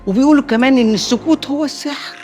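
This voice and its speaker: An actress playing a shrewd, proverb-quoting older matriarch with an Egyptian Arabic accent, in a TV drama. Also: female voice, high-pitched, racing, a little mellow, faint music behind, natural voice. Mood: scheming. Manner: sly, proverb-quoting, teasing. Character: shrewd older neighborhood matriarch, scheming aunt figure. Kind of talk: TV drama acting.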